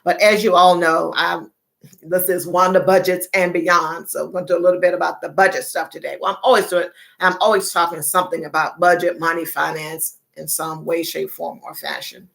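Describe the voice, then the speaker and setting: A woman's voice: on the low side, level tone, a little fast, vocal fry, a bit bright. A middle-aged woman hosting a casual livestream chat, chatty, repeating phrases and laughing often. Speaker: livestream host.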